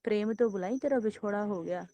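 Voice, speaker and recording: Woman preacher, mid pitch, chanted scripture quotes, repetitive exhortation, dry close recording. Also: fast, warm tone, dry recording. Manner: repetitive, rising emphatic exhortation. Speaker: Sikh preacher giving katha. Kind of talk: devotional sermon.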